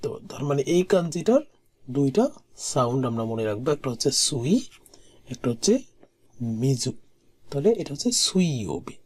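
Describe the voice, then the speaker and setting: A language teacher giving a recorded exam-prep lesson, patiently repeating each word slowly and sometimes dropping to a soft murmur. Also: mid-range voice, sing-song, slightly rough.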